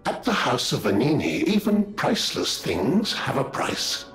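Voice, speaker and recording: A polite mechanical puppet butler, smooth and formal, his pitch swinging widely as he fawns over a customer. The voice rings in a roomy echo with game music beneath it. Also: huge pitch swings, unhurried, a bit bright. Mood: courteous. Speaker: shop major domo.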